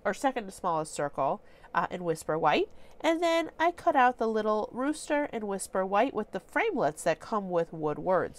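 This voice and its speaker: Congested female craft host; casual, chatty tutorial delivery with filler ums. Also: medium pitch.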